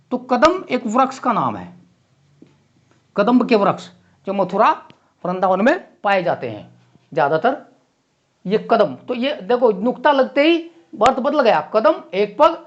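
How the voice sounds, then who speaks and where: Male grammar teacher, animated up-and-down delivery, repeats each example word, dull lo-fi sound. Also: sits high. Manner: explains slowly with repeated example words. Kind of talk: Hindi grammar lecture. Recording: dull lo-fi classroom recording.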